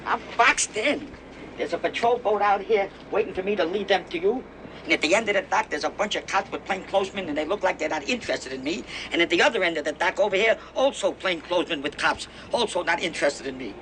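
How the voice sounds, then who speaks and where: High, bright-voiced streetwise tipster. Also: male voice, lively intonation, fast talker, slight background noise, poor audio. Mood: wry, cornered. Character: streetwise racetrack-tipping buddy, wry and fretful. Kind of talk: film dialogue, phone conversation.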